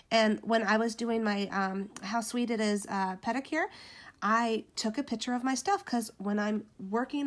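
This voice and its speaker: A woman giving a casual tutorial on making social media graphics, chatting to viewers through a phone in her room. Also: a little high. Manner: chatty, addresses viewers as you guys and y'all. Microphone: phone camera pointed at ceiling.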